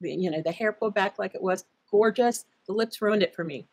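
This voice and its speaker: A middle-aged woman talks through fashion picks in an easygoing chat. She is opinionated but halting, stumbling over restarts and fillers, at an ordinary middle pitch. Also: a little mellow, slightly rough. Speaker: color analyst co-host. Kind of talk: casual fashion commentary chat.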